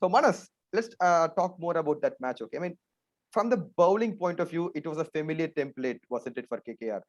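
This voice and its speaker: On a cricket talk show with dull, band-limited lo-fi sound, the Indian-accented male host speaks fairly quickly in a high-leaning voice with lively intonation. He keeps the sports chat relaxed, regularly tossing tag questions at his fellow panelists.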